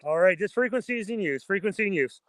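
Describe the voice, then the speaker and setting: A man's voice: high voice, animated, quick pace, background noise. A man hosting an informal amateur radio vlog, mixing chatty remarks with phonetic callsign calls. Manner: informal, chatty, addresses viewers as guys. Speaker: amateur radio operator, host.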